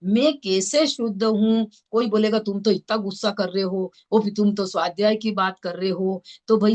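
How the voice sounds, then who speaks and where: A woman's voice: mid-range voice, muffled recording. Indore hindi lady teaching a scripture class, homely examples, keeps asking if you follow. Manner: explains with homely examples, often checks understanding. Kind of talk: religious scripture lesson.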